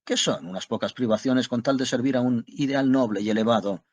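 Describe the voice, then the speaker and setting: A man's voice: mid-range voice, fairly quick, a little mellow, lightly acted. A man voicing a theatrical, grandiose male ex-actor who talks in florid, declamatory speeches. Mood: grandiloquent.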